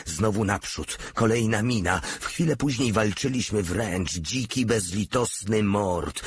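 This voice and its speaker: A man reading a war novel aloud as an audiobook narrator, in a grim, measured way. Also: sits low, a little hiss or hum.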